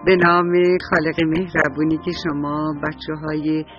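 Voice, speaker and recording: A man narrating a children's bedtime story, gentle and affectionate, and talking straight to the kids. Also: on the high side, flat delivery, highs cut off, soft background music.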